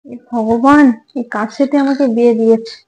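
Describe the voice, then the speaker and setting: A woman playing an anxious young wife in a comic home drama, coaxing and apologizing to calm her husband. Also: a little high, normal speed, natural voice, poor audio. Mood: placating. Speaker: short-drama actress.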